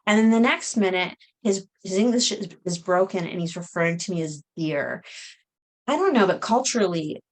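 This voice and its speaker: A middle-aged woman talking to camera in a casual vlog, halting, with many fillers and restarts. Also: on the low side, animated. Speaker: vlogger.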